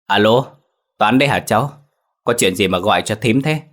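Guy voicing a middle-aged auntie, brisk and concerned, low voice. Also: fairly bright tone, close to an everyday voice. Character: middle-aged aunt on the phone.

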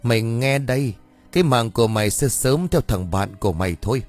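A man's voice: medium pitch, expressive, a little fast, darkish tone, faint music behind, lightly acted. A man voicing a vengeful ghost that possesses a woman and curses and threatens the living. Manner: spiteful, cursing, threatening.

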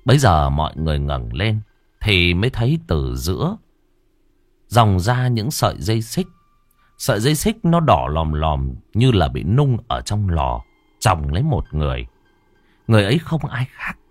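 A man narrating a ghost story in a dramatic way, slowing down for tense moments. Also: low-pitched, very animated, no room sound. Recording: dry close voice with faint background music.

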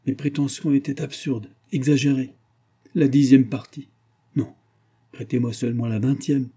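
A man voicing a ruined, desperate old gambler who pleads and then confesses gravely, in an audiobook reading. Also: mid-range voice, fairly even intonation, normal speed, dark tone, voice pushed up, lightly acted. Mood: pleading.

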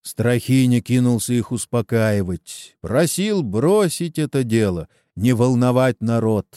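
A man's voice: medium pitch, animated, measured pace, mellow, clear, resonant tone, no room sound, studio quality. A man reading a story aloud expressively, voicing each character. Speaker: narrator.

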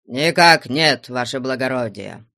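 A man's voice: medium pitch, animated, measured pace, no echo, studio quality. A man voicing a sullen old retired soldier who keeps watch at a country church, curt and grumbling. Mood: deferential. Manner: curt and grumbling, warms up over vodka.

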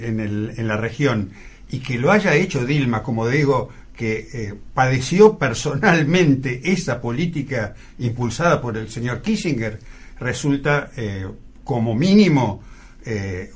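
A man commenting on politics on a radio panel, measured and hesitant, with many fillers. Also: medium pitch, husky.

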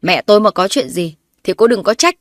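Woman reading angry domineering husband, shouting, threatening, dry sound. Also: mid-range voice, animated, a little fast, dry recording, lightly acted.

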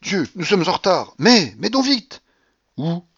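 A man reading a novel aloud, voicing an imperious, feverish old grandmother at the roulette table in a shrill, commanding voice. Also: lively intonation, moderate pace, highs cut off.

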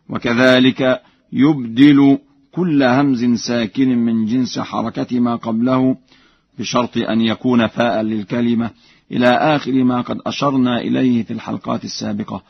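A man teaching Quranic reading variants on radio, explaining methodically and demonstrating verses in slow recitation. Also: medium pitch, creaky, breathy edge, dry recording. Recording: dull dry radio studio recording.

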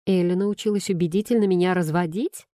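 A woman's voice: fairly low pitch, a little fast, dark tone, dry recording. Woman reading a novel aloud, dry sound. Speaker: audiobook narrator.

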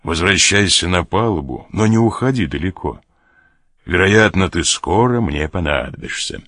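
A man's voice: deep voice, lively intonation, moderate pace, a bit bright, no echo, studio quality. A man reading aloud as a sly sailor who mocks and threatens an officer. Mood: mocking. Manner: mocking, laughs at threats. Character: sly mocking sailor, blackmailing a major.

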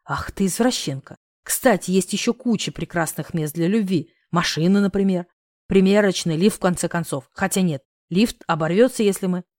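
A woman's voice: lowish voice, moderate pace, darkish tone, no echo, studio quality, lightly acted. A woman reading the lines of a teasing, mock-grumbling young man in love.

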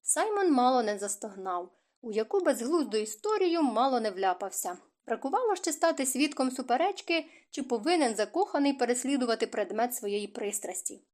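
A woman's voice: fairly high pitch, sing-song, fairly quick, few pauses, a little mellow. Woman narrating a romance audiobook. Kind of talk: scripted narration of a romance novel.

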